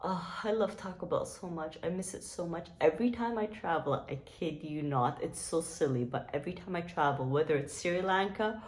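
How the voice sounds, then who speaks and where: A woman's voice: sits low, brisk. A young woman from Dubai chatting to camera in a casual vlog, gushing and nostalgic, full of "like" and "you guys". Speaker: vlogger.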